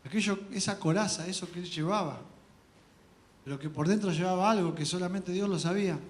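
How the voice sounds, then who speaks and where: Argentine guy preaching in church, kinda high voice, earnest testimony w little laughs. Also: a little fast. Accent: Argentine Spanish. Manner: earnest, shares personal testimony with soft laughs and restarts. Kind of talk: sermon.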